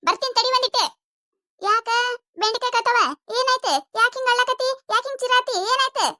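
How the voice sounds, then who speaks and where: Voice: steady tone, brisk, pushed and bright, no echo, studio quality, full character voice. A voice actor playing a scolding older village mother-in-law with a North Karnataka accent in a cartoon comedy. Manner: scolding, nagging, shrill.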